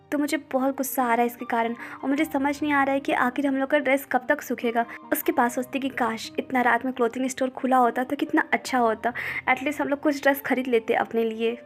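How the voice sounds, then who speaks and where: A woman with a high voice retells a comic story in a casual, running narration, linking each line with quick "then he says" turns. Soft music runs faintly behind her. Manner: brisk retelling with "he says" links.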